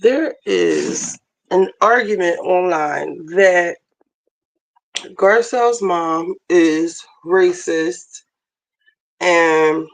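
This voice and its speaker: A woman with a hoarse voice chatting casually on a livestream while she cooks in her kitchen. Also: lowish voice, drawn-out words, pauses often, poor audio. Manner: chatty, multitasking while cooking. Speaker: livestream host. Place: home kitchen, running water. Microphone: phone camera.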